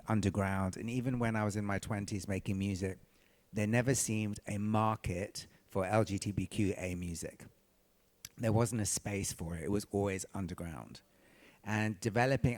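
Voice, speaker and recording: Guy from tanzania on a music panel, kinda low voice, earnest, repeats himself to hit a point. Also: darkish tone. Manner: earnest, repeats phrases for emphasis. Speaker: panel speaker, recording artist. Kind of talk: panel discussion, personal storytelling.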